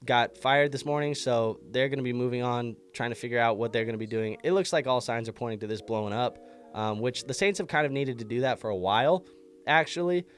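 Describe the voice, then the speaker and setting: Congested from being sick, a fantasy football show host talks through a laid-back sports recap. He has a mid-range voice and a chatty, easygoing delivery with frequent restarts.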